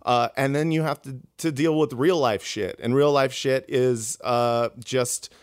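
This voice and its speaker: A comedian guest in a casual interview, rambling with many fillers and restarts. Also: male voice, medium pitch, fairly even intonation, a little slow, smooth, no echo, studio quality.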